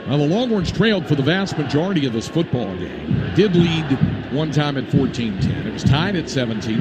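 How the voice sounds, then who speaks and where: A man doing live radio play-by-play of a football game in clipped, classic ballgame announcer phrases. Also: medium pitch. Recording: very noisy live outdoor stadium broadcast.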